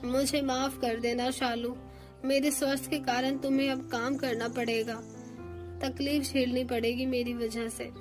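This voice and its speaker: A woman's voice: high-pitched, flat delivery, normal speed, over music, natural voice. Woman voicing a weak sick pigeon husband. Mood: worried. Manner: weak, quiet.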